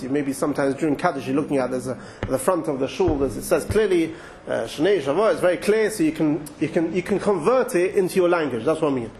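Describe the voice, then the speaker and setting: A man's voice: fairly high pitch, darkish tone. Chatty English man teaching Torah. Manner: chatty, thinks aloud with restarts and asides. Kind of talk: informal Torah talk.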